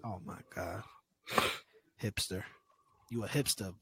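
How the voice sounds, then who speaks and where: A podcast co-host teasing his friends in excitable, slangy banter. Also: on the low side, slow pace, breathy edge. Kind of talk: casual chat.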